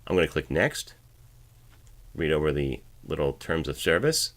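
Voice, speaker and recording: Speaking at a normal speed with an extremely low, sing-song voice, a male voiceover artist narrates an instructional screencast. He explains each step casually while sitting at the editing station in his home voiceover studio.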